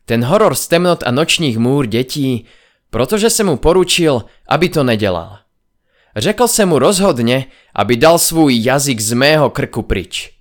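A man reading a first-person audiobook aloud in a dramatic, expressive style. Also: mid-range voice. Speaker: audiobook narrator.

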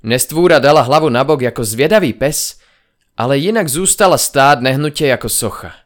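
A man reading a first-person audiobook aloud in a dramatic, expressive style. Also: mid-range voice. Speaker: audiobook narrator.

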